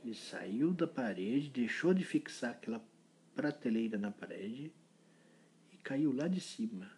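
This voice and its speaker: A man telling an improvised children's story in a playful, animated way. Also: mid-range voice, unhurried, slight background noise.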